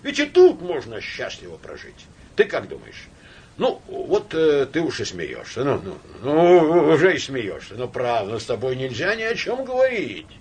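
A man's voice: mid-range voice, wildly swooping pitch, moderate pace, darkish tone, husky. A man voicing a tipsy, sentimental young count who rambles and wheedles in his drunk talk. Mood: tipsy rambling.

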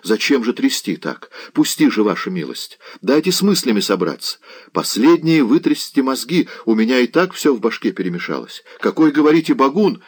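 A man does a chatty country servant boy in a storybook reading. He pitches up high and bounces all over the scale. Rustic and pleading, forever exclaiming. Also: sing-song, normal speed, husky. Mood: frightened. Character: young male servant lad, flustered and chatty. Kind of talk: audiobook character voice.

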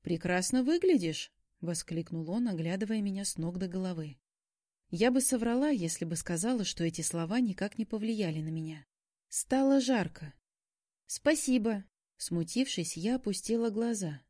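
A woman narrating a first-person story, giving the heroine a lively, heated delivery. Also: medium pitch, normal speed, dry recording, studio quality.

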